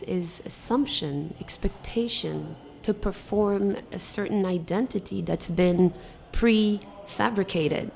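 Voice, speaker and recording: A young woman from Algeria with an Algerian accent, co-hosting a live radio talk show and speaking in a measured, reflective way. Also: medium pitch, vocal fry, a little mellow, slight background noise. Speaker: podcast co-host. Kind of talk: casual radio chat. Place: hotel broadcast studio.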